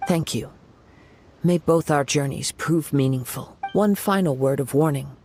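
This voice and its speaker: An actor playing a young, poetic wandering samurai in a video game, calm and wistful, with measured, formal phrasing. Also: male voice, on the high side, soft background music. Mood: composed, explanatory. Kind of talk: scripted dramatic game dialogue.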